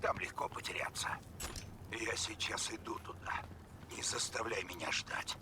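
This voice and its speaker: Curt male informant for a video game, lowish voice, impatient, commanding, noisy backdrop. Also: steady tone, normal speed, pushed and bright. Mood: businesslike, impatient. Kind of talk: video game dialogue acting. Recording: game audio with clear background noise.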